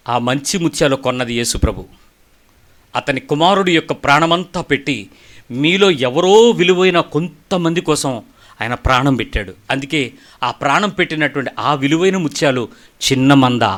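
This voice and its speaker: A middle-aged male preacher giving a sermon, telling stories and firing rhetorical questions, moving between soft asides and emphatic lines. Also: medium pitch, expressive, normal speed.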